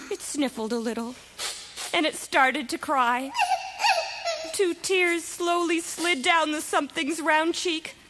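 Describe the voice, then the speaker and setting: A woman's voice: high voice, takes it slowly, background noise. Woman reading a rhyming children's tale. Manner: lively, expressive, sing-song reading. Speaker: storyteller. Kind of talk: rhyming children's story narration. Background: music.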